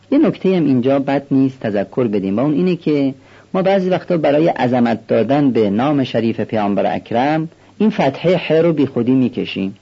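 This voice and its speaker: A man teaching how to recite a prayer call, explaining calmly and slowing down to demonstrate the pronunciation. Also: medium pitch, creaky, husky, highs cut off. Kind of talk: instructional explanation with recited examples.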